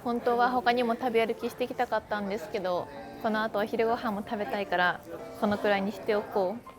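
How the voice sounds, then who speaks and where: A woman's voice: fairly high pitch, fairly even intonation, quick pace. Chatty woman vlogging over background music. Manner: chatty, playful, self-deprecating jokes. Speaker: travel vlogger. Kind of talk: casual travel vlog chat. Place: out and about sightseeing in a city.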